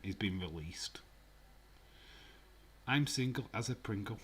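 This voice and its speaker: Slow yet animated, his lowish voice comes with slight background noise. The man, from Yorkshire and speaking with its accent, hosts a live stream where he chats loosely, teases viewers, laughs often and at times goes almost whisper-quiet.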